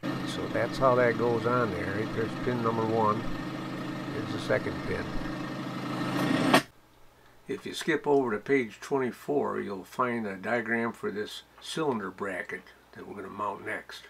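He's an older American video host showing how to assemble a machine, speaking in a lowish, gravelly, unhurried voice. The narration is plain and hesitant with many fillers, and steady background noise comes through from the outdoor recording.

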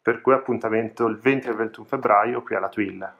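A man, the off-camera interviewer, putting brisk, leading questions to a guest. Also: fairly low pitch, highs cut off.

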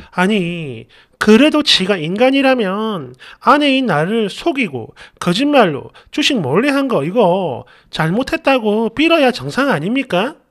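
A woman narrating a first-person story, indignant and exasperated, asking listeners rhetorical questions. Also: a little high.

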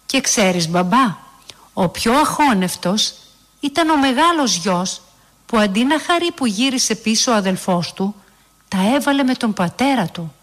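A woman's voice: a little high, expressive, fairly bright tone. A woman voicing a curious eight-year-old girl who asks eager questions in a storybook reading. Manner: inquisitive, chatty.

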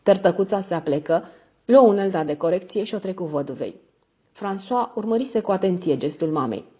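A woman narrating a classic novel as an audiobook, in a measured, dramatic storytelling manner. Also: mid-range voice, lively intonation, dark tone, husky. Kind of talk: scripted narration. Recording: dull lo-fi audio.

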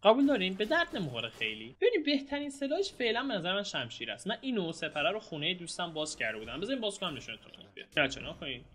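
A young man giving excitable, casual commentary while playing a video game, shouting and groaning at the action. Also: sits high, few pauses, slight background noise. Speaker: gameplay streamer. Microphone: home mic with some noise.

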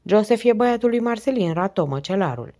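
A woman's voice: medium pitch, expressive, mellow, pitched above the performer's own voice, close to an everyday voice. A woman voicing a proud, hospitable village father who eagerly explains local family ties in an audiobook.

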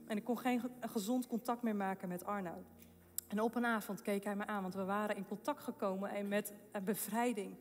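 A woman's voice: mid-range voice, fairly even intonation, fairly quick. A woman giving an emotional testimony at a faith event, telling her story with laughs and broken-off phrases, then rising into fervent preaching. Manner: impassioned, rising to fervent proclamations. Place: event hall with long reverb. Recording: long echo of a large hall.

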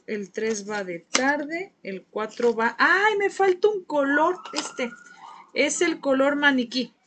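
Casting: Mexican woman, craft teacher, a bit high-voiced, gossipy and warm with her viewers on a live class. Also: slight background noise. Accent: Mexican Spanish. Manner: chatty, gossipy, coaxing viewers to talk. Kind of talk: live painting class chat.

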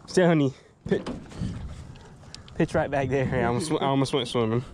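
A young man fishing from a small boat on a pond, talking casually and exclaiming excitedly over the fish he catches, recorded on a head-mounted action camera. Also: medium pitch, moderate pace. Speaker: fishing vlogger. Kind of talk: casual outdoor chat while fishing. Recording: noisy outdoor action-camera audio.

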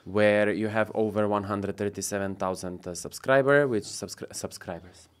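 A man in his thirties hosting a casual podcast interview, upbeat and quick to laugh, with small grammar slips, recorded on a desk boom mic in a studio. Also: fairly even intonation, clean tone. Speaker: podcast host. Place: studio set with blue walls and a wooden table. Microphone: desk podcast mic on boom arm.

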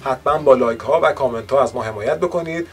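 A man's voice: medium pitch, faint music behind. Man patiently explaining woodworking. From Iran. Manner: polite, patient explaining with formal courtesy phrases. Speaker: woodworking channel host. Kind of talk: instructional voice-over.

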